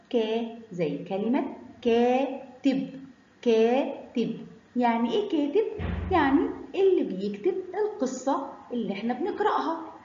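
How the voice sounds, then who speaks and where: A woman with an Egyptian accent teaching children Arabic letters, sounding them out in a sing-song, drawn-out way. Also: fairly high pitch, a little mellow, slight background noise. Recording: roomy, slightly dull recording.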